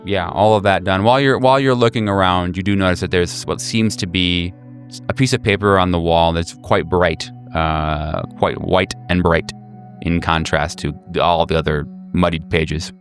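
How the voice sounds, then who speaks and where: Faint music plays behind a deep-voiced man serving as game master for a horror tabletop game. His intonation stays fairly even as he improvises descriptions haltingly, hunting for each next word.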